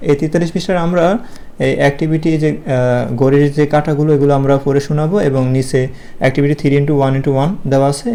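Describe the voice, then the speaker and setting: A man with a Bangladeshi Bengali accent teaching a video lesson to young pupils. He explains slowly and patiently, asks his own questions and answers them, with many filler pauses. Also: mid-range voice, creaky, warm tone.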